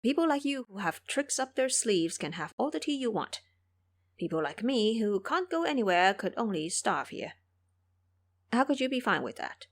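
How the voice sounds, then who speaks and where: Plaintive pious monk master, played by a woman, gloomy, gently scolding, expressive, audio drama. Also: a little high, normal speed. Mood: wounded. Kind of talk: audio drama character acting.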